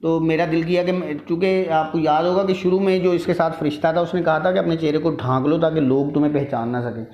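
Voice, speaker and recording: A man's voice: fairly high pitch, muffled recording. A man teaching a literature lesson, explaining a text word by word and sounding tired from long talking. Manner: explains each word and line step by step.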